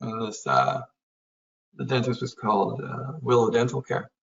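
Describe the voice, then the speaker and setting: A man with a Canadian accent and a gravelly, creaky voice talks in a loose, rambling way, full of fillers. He sits a little way back from the mic, and the call audio comes through muffled and dull. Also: medium pitch, normal speed, recorded from a distance, slight background noise. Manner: rambling, relaxed, with fillers and laughs. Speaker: web designer sharing his experience. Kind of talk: casual storytelling on a webinar call.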